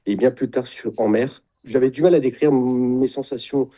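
A middle-aged man, a guest in an interview, talking in a reflective way and often pausing to search for words. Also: mid-range voice, steady tone, warm tone. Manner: describes himself as introverted. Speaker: guest, sailing retreat founder. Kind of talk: casual interview talk.

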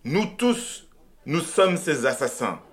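Un insensé qui s'époumone, angoissé, qu'un lecteur masculin fait entendre. Sa voix grimpe très haut et porte fort, avec une diction lente. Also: male voice, a little high, sing-song, slow, voice pushed up. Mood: anguished. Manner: declaiming, fervent. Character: frantic madman crying out in the marketplace.

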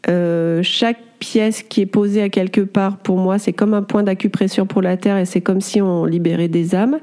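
A woman's voice: mid-range voice, steady tone, moderate pace, warm tone. A woman in her forties from Auvergne, a sculptor being interviewed, talking earnestly and reflectively, with many hesitations. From France, Auvergne. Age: 40s. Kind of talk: conversational interview.

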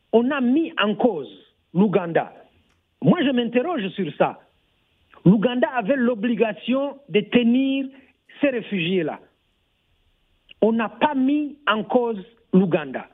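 A man's voice: high voice, husky. Insistent man on a tinny phone line. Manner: insistent, talks over others. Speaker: debate guest. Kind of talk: radio debate.

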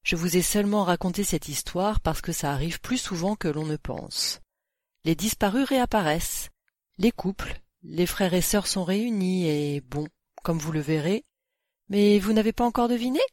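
A woman reading the part of a calm, polite male social services agent, speaking smoothly and soothingly. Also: fairly low pitch, normal speed, dry recording, clean studio sound, natural voice. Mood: reassuring.

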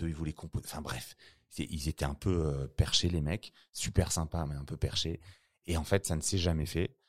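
Un homme, réalisateur invité, raconte son parcours dans une discussion détendue, avec beaucoup d'hésitations et d'argot. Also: male voice, extremely low pitch. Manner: slangy, rambling with many fillers and restarts. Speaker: filmmaker guest. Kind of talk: casual interview chat.

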